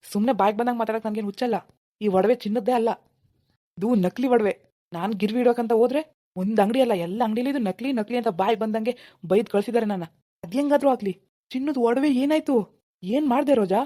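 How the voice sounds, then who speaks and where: A woman voicing an angry village husband in a cartoon, accusing and threatening in a fast, dark voice. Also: on the high side, natural voice. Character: furious village husband, middle-aged man. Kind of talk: cartoon voice acting.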